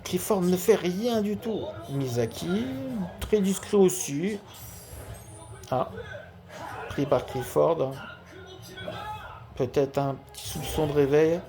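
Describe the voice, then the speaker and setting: Un homme qui zozote, avec des s chuintants, commente en amateur un match de jeu vidéo en direct et répète certains mots pour insister. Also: male voice, a little high, slow pace, long pauses, music in the background. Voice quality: lisping, slushy s and sh sounds. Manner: repeats key words for emphasis. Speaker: amateur live streamer. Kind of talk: football video game commentary and dedication to a friend.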